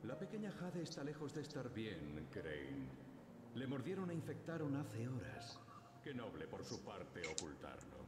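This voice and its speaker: A man's voice: lowish voice, wildly swooping pitch, unhurried, noisy background. A man playing a gloating, menacing tyrant in a video game, with taunting, theatrical delivery. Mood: mocking. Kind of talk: video game villain acting dubbed in Spanish. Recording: cavernous reverberant hall with music.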